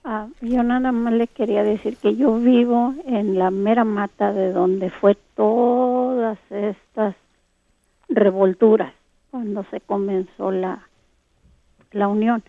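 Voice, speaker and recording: A woman's voice: medium pitch, steady tone, takes it slowly, no echo. An older woman from Texas, calling in to a radio show and telling a long rambling story. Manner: rambling storyteller, many fillers. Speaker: radio caller. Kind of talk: phone-in recollection. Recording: tinny phone line.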